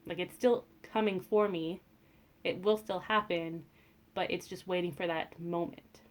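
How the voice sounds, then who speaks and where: A woman giving a tarot reading in a casual, gentle and reassuring way, with frequent fillers and restarts. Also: lowish voice, steady tone, a little slow, a little hiss or hum. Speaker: tarot reader.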